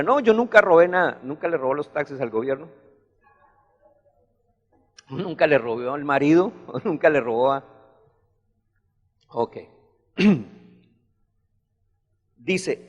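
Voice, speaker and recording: A man's voice: a little high, in a large hall. A man preaching a sermon, rising into emphatic bursts as he retells a story.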